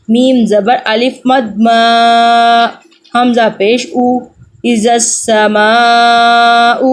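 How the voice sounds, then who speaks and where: A woman teaching beginners to read the Quran, spelling out each letter and sound slowly before reciting the verse. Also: fairly high pitch, a little hiss or hum. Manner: slow, drawn-out letter-by-letter drilling.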